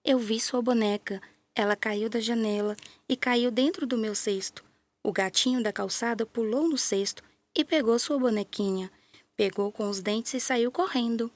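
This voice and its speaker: A woman's voice: on the high side, moderate pace, no echo, lightly acted. A woman with a Brazilian Portuguese accent voicing a kind male greengrocer in a children's story.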